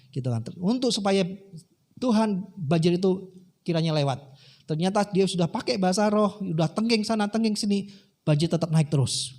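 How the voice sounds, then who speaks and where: High-voiced man preaching conversationally. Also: darkish tone. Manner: conversational, addresses congregation directly. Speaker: pastor. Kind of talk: sermon with storytelling.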